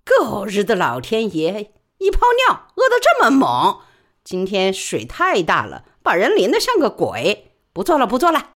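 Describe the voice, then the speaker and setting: A woman storyteller voicing a loud, coarse and boastful middle-aged female porter in a Wuhan dialect. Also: medium pitch, huge pitch swings, moderate pace, voice pushed up. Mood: grumbling.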